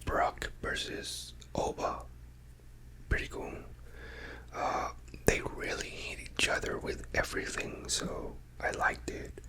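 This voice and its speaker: This is a hushed, quiet night-time whisper in a casual ASMR ramble. The delivery is slow, with a bright, sibilant edge to the breath. The speaker drifts loosely from thought to thought, often trailing off. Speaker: ASMR creator talking to followers.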